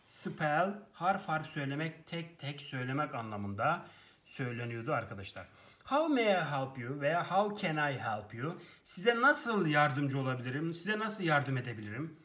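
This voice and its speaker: Turkish male teacher explaining clearly. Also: a little high, very animated. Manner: explains clearly, reads English phrases slowly and brightly. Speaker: English teacher. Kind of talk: lesson.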